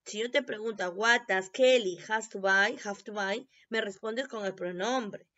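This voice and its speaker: A woman teacher giving a recorded review lesson, explaining in Spanish and repeating English phrases slowly for pronunciation. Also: mid-range voice, a bit bright. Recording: dull lo-fi recording.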